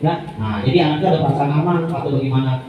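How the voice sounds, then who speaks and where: A man's voice: mid-range voice, racing, muffled recording. A man leading a workshop for teachers, chatty and informal, often turning to the audience and acting out how teachers talk. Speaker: teacher trainer presenting to teachers. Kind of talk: lively workshop presentation. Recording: echoey room recorded from a distance.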